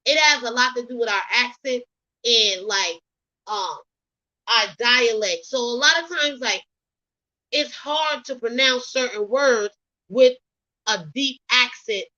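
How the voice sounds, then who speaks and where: A woman with a Geechee accent from the US South takes it slowly, her fairly high voice pushed and bright, as she rambles through opinionated takes on celebrity gossip. She fills the casual commentary vlog with ums and you knows. Her recording is missing its highs.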